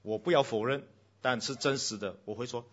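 A man preaching a sermon to a congregation, switching between loud exclamations and hushed lines, slipping in English phrases and speaking directly to the children. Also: mid-range voice, brisk, husky, muffled recording.

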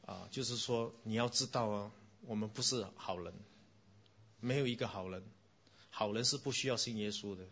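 A middle-aged man, a pastor giving a gentle, conversational children's sermon and calling himself their uncle. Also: lowish voice, normal speed, lo-fi sound.

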